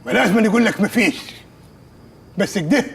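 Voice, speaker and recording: A high, gravelly Upper Egyptian village boss who jeers and scolds at top speed. His voice leaps all over in sitcom bluster, with faint music under it. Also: fairly quick, a little hiss or hum. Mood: mocking. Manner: scolding, sarcastic, insulting. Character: bossy loud male village head, mocking. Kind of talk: sitcom acting.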